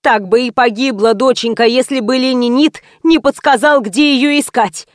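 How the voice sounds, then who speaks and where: A woman's voice: a little high, normal speed, dry recording, clean studio sound, natural voice. A woman voicing a fussy, grateful elderly neighbor who chatters and pleads. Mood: pleading.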